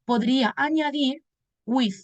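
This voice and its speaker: Higher-voiced woman teaching English vocabulary. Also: takes it slowly, highs cut off. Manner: explains step by step, addressing students as a group. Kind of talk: recorded lesson explanation.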